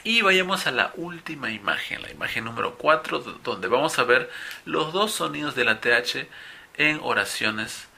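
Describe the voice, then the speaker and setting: A man teaching English pronunciation in Spanish, drilling each word twice, slowly and deliberately, and patiently explaining the sounds between drills. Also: mid-range voice, lively intonation, gravelly, pushed and bright, breathy edge. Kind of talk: pronunciation lesson, drilling words.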